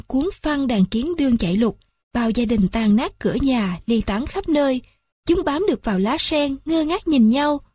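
A woman's voice: fairly high pitch, a little mellow, slightly rough, no echo. A woman narrating a literary story in a lyrical, mournful reading.

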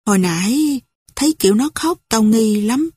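A woman voicing an older male guerrilla comrade who talks bluntly and roughly. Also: a little high, expressive, moderate pace, a little mellow, no room sound. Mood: troubled.

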